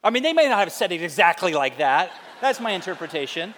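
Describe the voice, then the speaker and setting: A man preaching a sermon as pastor, animated, acting out quoted voices in a higher pitch. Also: fast talker, long reverb tail, slight background noise.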